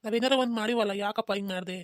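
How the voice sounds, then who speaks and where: A woman voicing a gentle, pleading young son who calms his angry mother in a cartoon. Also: mid-range voice, very fast, dry recording, clean studio sound, natural voice. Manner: soothing, pleading. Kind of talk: cartoon voice acting.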